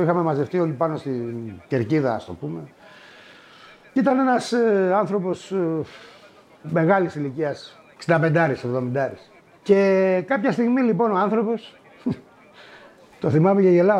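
A middle-aged man telling old stories in a wry, unhurried way, with many asides and fillers. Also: sits high, expressive, a little mellow, lo-fi sound. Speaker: storyteller. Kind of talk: spoken reminiscence.

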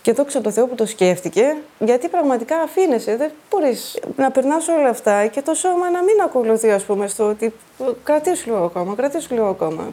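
Woman recounting her own ordeal, warm dark tone, plain earnest talk. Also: high voice, animated, hardly any pauses. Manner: plain, earnest first-person retelling. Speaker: flood survivor telling her story. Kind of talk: personal testimony.

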